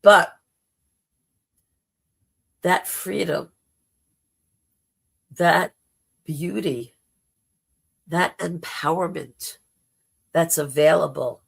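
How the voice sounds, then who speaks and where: Spiritual livestream host: very gravelly, hoarse voice, informal and gently encouraging delivery. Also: mid-range voice. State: temporarily hoarse.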